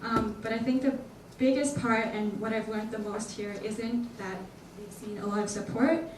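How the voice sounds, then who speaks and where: A woman's voice: fairly high pitch, steady tone, normal speed, slight background noise. A young woman from Hong Kong, a student organizer, giving an earnest, slightly nervous prepared welcome speech in a large lecture hall. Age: young adult. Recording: echoey hall from far off.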